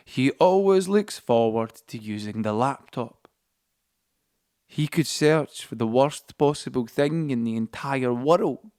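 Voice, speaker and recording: Over a music score, a male actor-narrator performs a dramatic monologue in an audio play as a young Scottish man confiding a story in colloquial terms. His mid-range voice is a little mellow and close to everyday speech.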